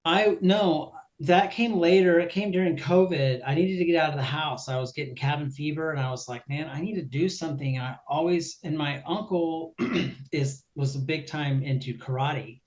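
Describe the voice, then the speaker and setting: A man's voice: a little high, moderate pace, darkish tone, lo-fi sound. A man in his forties, a drummer and podcast guest, talking casually in a rambling, chatty way with frequent restarts. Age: 40s. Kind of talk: casual interview chat.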